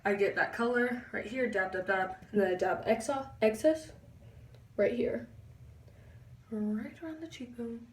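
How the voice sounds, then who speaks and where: A young woman giving a chatty makeup tutorial, pausing as she concentrates. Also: fairly high pitch, distant mic, slight background noise. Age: young adult. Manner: chatty, halting while concentrating. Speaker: beauty vlogger. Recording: echoey room, a bit off-mic.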